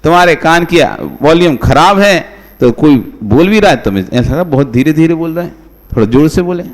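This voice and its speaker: A man's voice: a little high, lively intonation, brisk, in a large hall. A man, a monk, giving a conversational sermon, asking his listeners rhetorical questions and calling on them by name. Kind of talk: devotional sermon.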